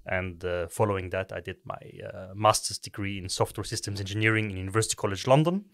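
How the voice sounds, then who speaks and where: A middle-aged man from Egypt, a company co-founder, giving measured explanations as a podcast guest with frequent restarts. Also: sits low, a bit bright, no echo, studio quality. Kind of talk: podcast interview.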